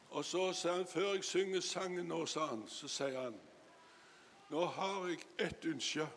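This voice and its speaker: A man's voice: fairly high pitch, a bit bright. A man preaching a sermon, retelling another man's story with frequent asides about what he said. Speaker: lay preacher. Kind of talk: sermon testimony. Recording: hall reverb, faint room noise.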